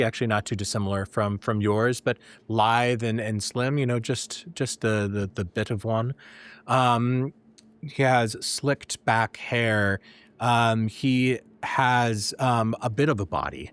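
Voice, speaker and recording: A man narrating a tabletop game as game master, improvising in halting, searching descriptions. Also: mid-range voice, fairly bright tone, clear, resonant tone.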